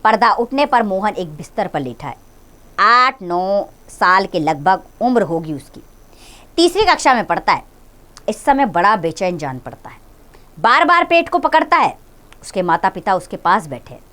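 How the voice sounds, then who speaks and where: A woman's voice: medium pitch, big pitch swings, normal speed, a bit bright. A woman teacher reading a textbook play aloud and explaining it to children. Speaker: school teacher.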